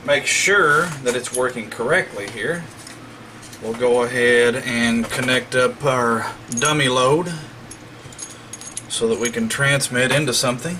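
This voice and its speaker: Unhurried and medium-pitched, a man talks viewers through repairing electronics in a folksy, step-by-step way. The demonstration video comes from a hobbyist radio repairer, and background noise can be heard.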